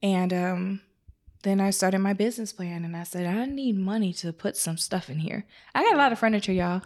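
A woman's voice: medium pitch, normal speed. A woman talking in an easygoing interview, spilling stories with feeling and acting out what people said to her. Her voice sits in a middle range for a woman, and she's recorded in her studio. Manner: chatty, emotional storytelling with quoted asides and laughs. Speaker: wedding photographer guest. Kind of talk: casual interview.

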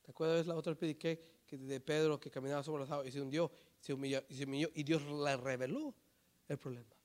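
A man preaching a sermon, swinging from loud fervent exhortation to hushed near-whispers and dropping in English phrases. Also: on the high side, steady tone, quick pace. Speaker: pastor.

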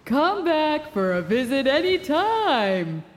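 A woman voicing a big, friendly ocean wave that speaks with a booming, gentle, reassuring voice in a storybook tale. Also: very animated, slow pace, big-room sound, background noise, heavily acted. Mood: cheerful.

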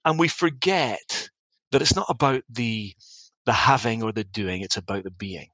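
A middle-aged Scottish man, a business founder, talks through his life story in an interview. He is wry and anecdotal and often restarts his sentences. His voice sits at an ordinary pitch and the sound is dry and close. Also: normal speed, fairly bright tone, breathy edge, dry recording, poor audio. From Scotland.

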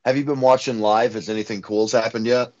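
A man co-hosting a casual podcast, sounding nasal from a cold, leading the talk in a relaxed, conversational way. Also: medium pitch, a little fast. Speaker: podcast co-host. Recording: dull lo-fi audio.

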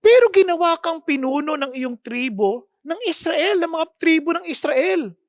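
A Filipino woman preaches in a high voice, full of rhetorical questions to her listeners. She explains words with emphasis. The recording is close and dry, with no room sound. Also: animated, moderate pace, no room sound. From Philippines. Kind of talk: sermon mixing Tagalog and English. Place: podcast recording.

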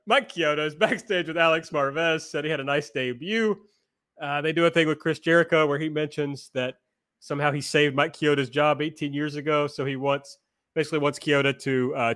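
A podcast host with a fairly high, fairly bright voice recaps a show in casual chat, cracking sarcastic jokes throughout.

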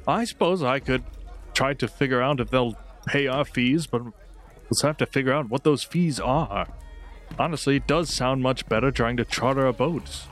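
A man playing his character in a tabletop game, calm and reasoning. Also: mid-range voice, moderate pace, faint music behind. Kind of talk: in-character tabletop role-play.

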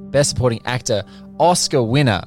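A man's voice: medium pitch, animated, a little fast, faint music behind. A man hosting a podcast in a casual, effusive, rambling way with colloquial turns of phrase. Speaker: podcast host.

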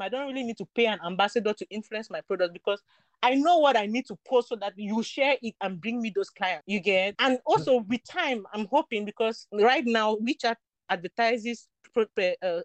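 A slightly high female voice with no room sound belongs to a young Cameroonian woman who runs a beauty product business. Appearing as an interview guest, she talks candidly and casually, stressing and repeating her points emphatically.

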